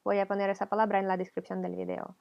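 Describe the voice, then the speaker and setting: A woman's voice: mid-range voice, completely flat delivery, fast talker, creaky, highs cut off. A woman with a Ukrainian accent, a teacher explaining a video lesson patiently, step by step. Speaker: language teacher.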